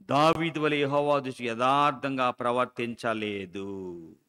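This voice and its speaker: A middle-aged man preaching a sermon as pastor, with sudden loud outbursts and slow, stressed repetitions. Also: medium pitch, smooth. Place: church hall. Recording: long church hall reverb.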